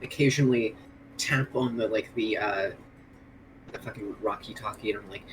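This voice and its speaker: A man playing a tabletop game, chatting casually, thinking aloud in halting, sweary phrases. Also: on the low side, fairly even intonation, background noise.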